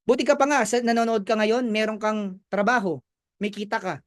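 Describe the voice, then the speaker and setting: A young man giving an energetic motivational talk about a business opportunity, chatty and often asking his listeners if they agree. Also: sits high, brisk, no room sound, clean studio sound. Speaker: business presenter.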